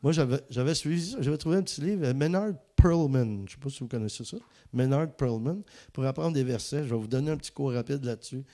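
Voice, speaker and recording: A male preacher with a Quebec French accent tells anecdotes in a sermon. His voice swings up and down with lively energy, and he laughs at his own jokes. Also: medium pitch, fast, few pauses. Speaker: preacher and guest speaker.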